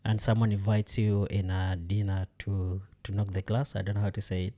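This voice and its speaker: A man's voice: lowish voice, flat delivery, fairly quick, dark tone. A man hosting a casual podcast conversation, speaking hesitantly with many fillers and frequent laughs. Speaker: podcast host.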